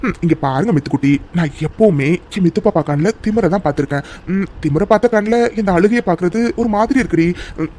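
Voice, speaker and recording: A man voicing a doting young man in a cartoon love story, teasing and then gently comforting his crying sweetheart. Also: high voice, a little hiss or hum, lightly acted. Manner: coaxing, affectionate and teasing. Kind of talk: cartoon voice acting.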